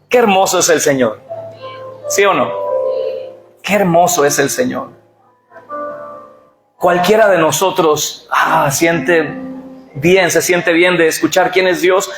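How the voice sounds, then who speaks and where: A man's voice: a little high, slow pace, gravelly, pauses often. A middle-aged man preaching a sermon, urging the congregation to repeat phrases aloud. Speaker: pastor. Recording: echoey church hall with music.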